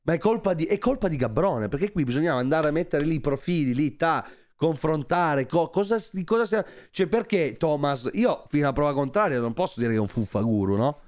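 A man's voice: a little high, animated, brisk, hardly any pauses, darkish tone, no room sound. A man commenting live on a stream in a sarcastic, joking and crude way. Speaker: streamer reacting to a podcast.

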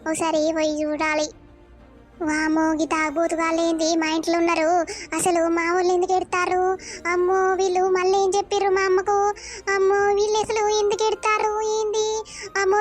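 A woman's voice: very high-pitched, completely flat delivery, a little fast, soft background music. A woman voicing a young village daughter, anxiously questioning. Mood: alarmed.

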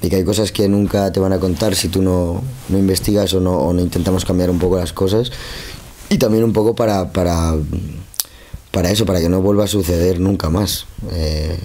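A man's voice: sits low, fairly even intonation, a little fast, warm tone. A young man in his twenties, an actor rambling through interview answers and repeating words as he thinks. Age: 20s. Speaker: lead actor. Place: indoor press room in front of a film poster.

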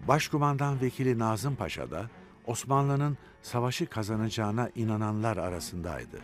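A man narrating a history documentary from a script, measured and expressive. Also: fairly low pitch.

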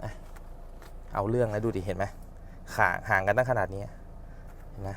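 A man's voice: fairly low pitch, steady tone, normal speed, pushed and bright, a little hiss or hum. A man working as a car mechanic hosts a casual how-to video, chatting and grunting with effort as he works. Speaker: car mechanic and channel host.

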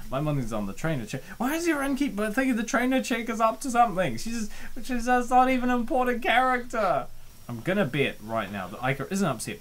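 A man with a fairly high voice hosts a comedy dub, reading comments aloud and reacting with joking, theatrical and excitable commentary.

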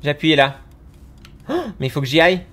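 A man doing let's play commentary, excitable and teasing, yelping when scared and chatting to the monster on screen. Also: fairly high pitch, brisk. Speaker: gaming YouTuber.

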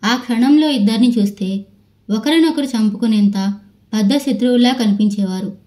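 A woman narrator reading a novel aloud in a steady storytelling manner. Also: fairly high pitch, normal speed, rough recording. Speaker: audiobook narrator.

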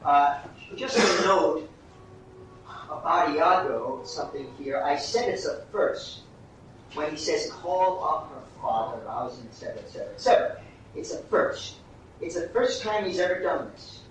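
Echoey acting coach, heard from afar. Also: male voice, fairly high pitch, a bit bright. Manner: coaching, halting, repeats words. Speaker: acting teacher. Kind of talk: master class coaching. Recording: distant echoey room, muffled, faint hiss.

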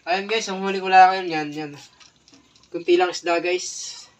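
A spearfishing vlogger in his thirties from the Philippines casually narrates as he shows viewers his catch, thanking them repeatedly. He speaks at a measured pace in a high-pitched, steady voice from a small tiled kitchen at night. The audio is distant phone sound with noticeable background noise.

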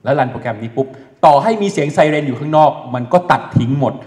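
A man giving a lively, joking lecture on AI at a training course, often asking the audience questions and dropping blunt slang. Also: medium pitch, fast talker. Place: lecture hall. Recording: echoey hall recording.

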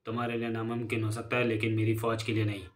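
Villain boss in a comic-story reading, put on by a male narrator: low, quiet, commanding. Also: completely flat delivery, fast talker, recorded from a distance, natural voice. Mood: menacing. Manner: low, hushed, menacing. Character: scheming male drug-smuggling boss, cold, commanding.

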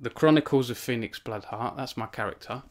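A young author hosts a casual live stream from his home cabin to launch his book. He rambles, leaning on fillers and self-deprecating asides, in a brisk mid-range voice.

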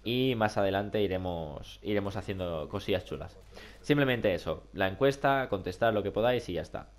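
A young man with a Spain Spanish accent and a nasal, duck-like voice congested by a cold, chatting casually and colloquially as a gaming YouTuber. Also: fairly low pitch. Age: young adult. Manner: rambling, colloquial. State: sick with a cold. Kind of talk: casual chat over gameplay. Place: small room at home.

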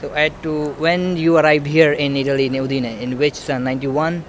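Young male interviewer, a bit higher-pitched, halting questions. Outdoor square, faint street noise. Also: fairly even intonation. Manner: halting, restarts his questions, brief backchannels. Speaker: podcast interviewer. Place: outdoor cafe table on a town square.

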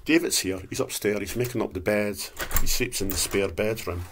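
A man's voice: on the low side, brisk, background noise. Lisping Scottish man with loose dentures. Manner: rambling, repeats phrases. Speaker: vlogger, channel host. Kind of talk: casual chatty vlog. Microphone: handheld camera at arm's length.

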